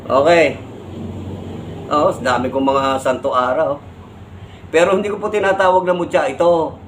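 A Filipino man with a fairly high voice lectures to his camera, pressing his points and tagging them with quick questions. Faint background noise sits under his talk. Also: low-quality recording. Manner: lecturing, repeats "no?" and "di ba?" as tags. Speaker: vlogger. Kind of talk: scolding explanation to camera.

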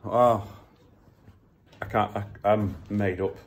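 A man's voice: on the low side, steady tone. Emotional man, phone selfie. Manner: emotional, gushing, halting restarts. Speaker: kayak builder. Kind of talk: casual selfie vlog. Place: indoor workshop. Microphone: phone at arm's length.

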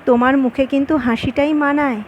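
A woman reading the lines of an earnest grown man in love who is quick to anger, in her own high voice. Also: fairly even intonation, lo-fi sound, slight background noise, lightly acted.

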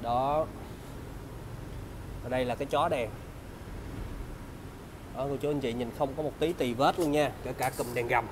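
A man in his thirties with a southern Vietnamese accent, giving a used car salesman's walkaround pitch in polite, repetitive sales patter. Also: measured pace, long pauses, noisy background. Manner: salesman's patter, polite address and repeated selling points. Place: large open car service bay.

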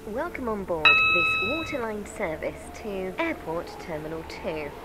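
Woman's train announcement over loud rumble. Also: huge pitch swings. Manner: measured, formal. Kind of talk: scripted train station announcement. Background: loud train and vehicle ambience.

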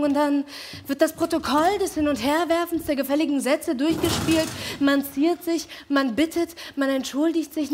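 High-voiced woman performing spoken word. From Iran. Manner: rhythmic, repeated rhetorical questions. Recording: loud music behind the voice.

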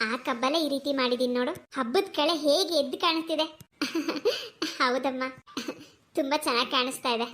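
A woman voicing a kindly, talkative old grandmother in a cartoon who soothes and lectures the young. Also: high voice. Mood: cheerful. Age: older. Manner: warm, soothing, preachy, lively. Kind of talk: cartoon voice acting.

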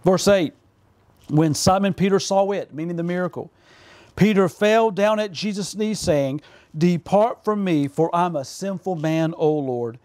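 Fervent high-voiced pastor preaching. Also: male voice, measured pace. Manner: fervent preaching with animated gestures, calls of amen. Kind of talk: sermon. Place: home office with purple lighting.

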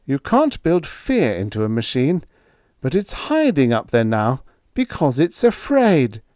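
A baffled male instructor speaks plainly and matter-of-factly, as a man acts him out. The voice is pitched well above the reader's own. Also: huge pitch swings, unhurried, darkish tone, no room sound, studio quality. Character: puzzled male robot instructor.

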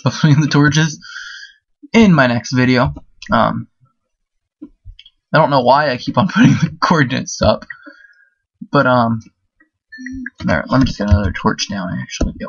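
A man's voice: mid-range voice, vocal fry, a bit bright, dry recording, highs cut off. Chatty man rambling through a let's-play. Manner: chatty, rambling, full of fillers. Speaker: gaming video host. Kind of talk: casual let's-play commentary.

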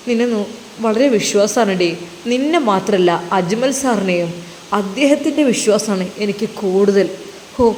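A woman's voice: medium pitch, darkish tone, voice pushed down, lightly acted. A woman voicing a young husband who speaks tenderly and reassuringly to his wife. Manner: tender, soothing. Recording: reverberant room with faint noise.

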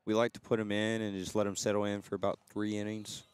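A man's voice: on the low side, little pitch movement, fast talker, smooth, no room sound. A young man giving laid-back color commentary on a college baseball game, often answering with a short yep and speaking of the team as his own.

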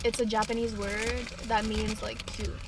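A woman's voice: on the high side, little pitch movement, moderate pace, background noise. A young woman vlogging casually from a parked car, bubbly and giggly with many fillers. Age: young adult. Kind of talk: casual chat. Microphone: camera on dashboard.

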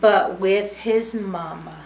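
In a small brick-walled room, a middle-aged woman studying early childhood education reads a rhyming picture book aloud to young children, singsong and with small explanatory asides. Her voice is mid-range, slow and darkish, with slight background noise in the echoing, roomy home recording.

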